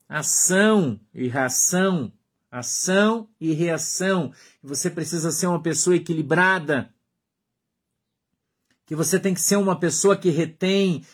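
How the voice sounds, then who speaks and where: A man preaching a sermon as pastor, in Brazilian Portuguese, emphatic, repeating short phrases and dropping to a hush. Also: sits high, slightly rough.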